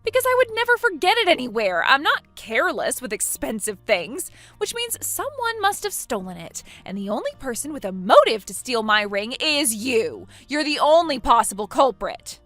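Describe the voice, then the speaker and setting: A woman's voice: high voice, sing-song, moderate pace, few pauses, fairly bright tone, no room sound, faint music behind. A smug, mocking younger sister, played by a woman. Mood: accusing. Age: 20s. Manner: mocking, laughs at others. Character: smug, spiteful younger sister in her twenties. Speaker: character in a voiced text story. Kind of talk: voice acting for a text-message story.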